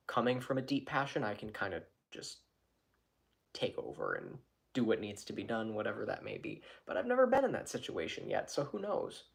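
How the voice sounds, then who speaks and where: A man's voice: medium pitch, gravelly. A man talking to his channel from his own room in a loose, rambling vlog chat, often restarting and correcting himself. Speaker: YouTuber.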